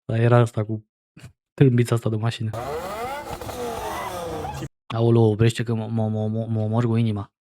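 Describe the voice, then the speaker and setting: A man's voice: on the low side, monotone, long pauses, background noise. A man in his forties giving casual, sarcastic reaction commentary as a streamer. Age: 40s. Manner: sarcastic, mocking.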